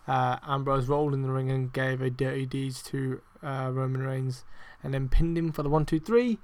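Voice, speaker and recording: A man hosting a casual wrestling review podcast, rambling with lots of fillers, swearing heavily and getting excitable and emphatic. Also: mid-range voice, normal speed. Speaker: podcast host.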